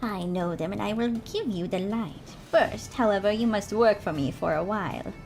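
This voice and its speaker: A woman's voice: medium pitch, moderate pace, gravelly, a little mellow, faint music behind, lightly acted. A woman voicing an old witch who eats children, barking out orders in a commanding way, for a storybook reading.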